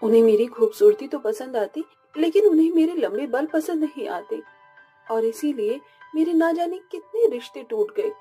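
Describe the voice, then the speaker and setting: A man's voice: very high-pitched, animated, normal speed, faint music behind, voice pushed up. A man voicing a meek, tearful young bride in a spoken storybook. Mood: pleading. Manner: pleading, soft and submissive. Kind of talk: storybook narration with voices.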